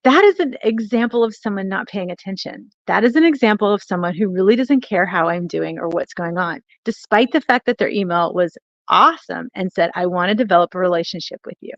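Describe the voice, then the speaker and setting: On her networking community's live stream, a woman coaches viewers directly, speaking fairly quickly at a medium pitch in an emphatic, encouraging and instructive way. She repeats phrases for stress. The recording is dry and muffled.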